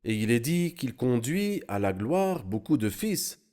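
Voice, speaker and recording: A man explaining Bible passages in an animated, teaching manner during a studio discussion. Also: medium pitch, measured pace.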